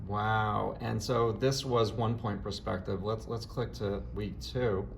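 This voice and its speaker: An art teacher hosts a casual classroom interview for a video, shot on a handheld camera without a tripod, and gushes with enthusiastic praise. His voice is fairly low and creaky, with a steady tone and a slow pace. There's slight background noise.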